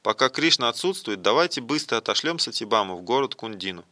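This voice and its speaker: A man reading the part of a wise, elderly female ascetic in a devotional play, speaking gently and solemnly. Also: medium pitch, animated, quick pace, no echo.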